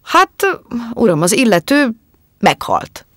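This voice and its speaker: A woman's voice: mid-range voice, big pitch swings, no echo, clean studio sound, voice pushed up, natural voice. Woman doing a hesitant, deferential policeman. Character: polite, hesitant male policeman.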